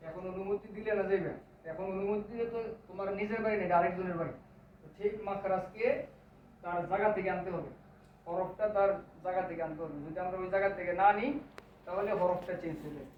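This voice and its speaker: A man's voice: sits high, steady tone, fast. Guy teaching kids in a classroom, keeps quizzing them, roomy echo, noisy dull recording. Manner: asks the class constant questions, repeats key words. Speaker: teacher of Quran recitation. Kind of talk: classroom lesson to children. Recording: echoey room, distant mic, dull, noisy.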